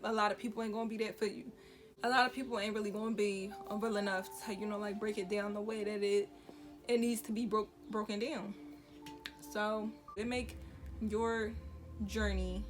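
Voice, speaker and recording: A woman, talking frankly to camera with lots of "you know, like". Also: medium pitch. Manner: casual, frank, many fillers like "you know, like". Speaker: vlogger. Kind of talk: candid talk to camera. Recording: music playing under the voice.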